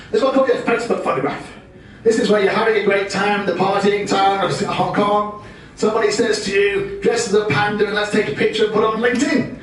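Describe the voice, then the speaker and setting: Captured by a distant mic, a UK man with a rather high voice gives a business presentation laced with dry jokes at his own expense. His speech bounces through a heavily echoing function room, with soft noise beneath it.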